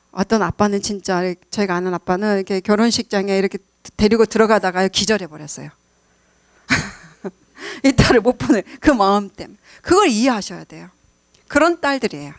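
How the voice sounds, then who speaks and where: A woman's voice: mid-range voice, expressive, moderate pace, long pauses, dry recording. A middle-aged woman giving a sermon to a congregation, telling family stories with frequent laughs and questions to the listeners. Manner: warm storytelling with frequent laughs and questions to the audience. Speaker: church speaker.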